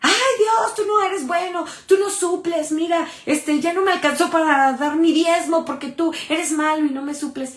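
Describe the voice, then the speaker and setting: A woman's voice: extremely high pitch, steady tone, normal speed, few pauses. A woman preacher mimicking a whiny, self-pitying churchgoer who complains about hard times. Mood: whining. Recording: roomy echo.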